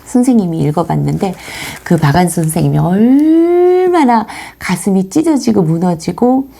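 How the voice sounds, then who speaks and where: A woman teaching a children's devotional Bible lesson. Her pitch swings widely as she tells the story, and there is a gravelly rasp at the bottom of her voice. She speaks gently and warmly to the kids, like a Sunday school teacher. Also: normal speed. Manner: animated storytelling, acting out anguished cries.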